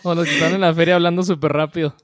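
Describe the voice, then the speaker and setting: Smooth-voiced joking male co-host. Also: a little high, little pitch movement, racing, no echo. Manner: joking and laughing, asks follow-ups. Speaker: podcast co-host. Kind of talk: casual podcast banter.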